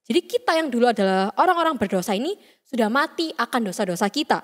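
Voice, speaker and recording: A woman's voice: fairly high pitch, animated, fast. A young woman giving a chatty, playful youth sermon, often acting out quoted voices. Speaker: youth service speaker. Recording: reverberant hall sound.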